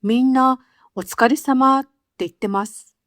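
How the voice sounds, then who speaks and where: A woman's voice: high-pitched, a little slow, a bit bright, no echo, clean studio sound. A woman voicing a young female learner who works in a shop and asks the teacher questions in a casual, friendly way. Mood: curious. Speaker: student asking the teacher. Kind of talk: scripted anime lesson dialogue.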